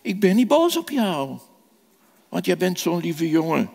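A kind father speaks softly to his son, as a man voices him in a children's story. The voice is high and a little gravelly. It carries a long echo, as if in a large hall. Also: very animated, measured pace, full character voice. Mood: reassuring. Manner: soft reassuring. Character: gentle forgiving father of a boy. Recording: echoey hall reverb.

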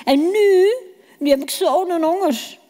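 A woman's voice: very high voice, slow pace, mellow. A woman voicing a tired, hungry young hunter who pleads impatiently for food. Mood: pleading. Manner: pleading, whiny, eager. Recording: reverberant hall.

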